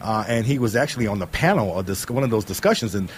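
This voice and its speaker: A man's voice: fast, slight background noise. A man hosting a casual radio talk show from Chicago, joking and swinging his voice up and down. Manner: animated, jokey, swoops his pitch up and down.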